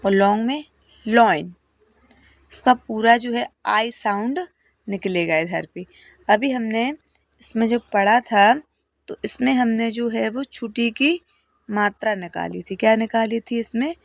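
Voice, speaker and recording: A woman teaching English phonics at home, patiently calling out word lists and stressing each word loudly. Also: fairly high pitch, a little slow, creaky, dry recording.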